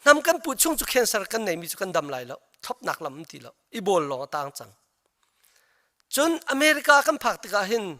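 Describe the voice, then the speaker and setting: A man's voice: high voice, big pitch swings, fairly quick, pushed and bright. A man, a pastor, preaching a sermon in an earnest, storytelling way.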